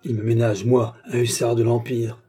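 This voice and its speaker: A man's voice: mid-range voice, little pitch movement, normal speed, mellow, breathy edge, natural voice. A man voicing a hot-tempered old veteran hussar, blunt and grumbling.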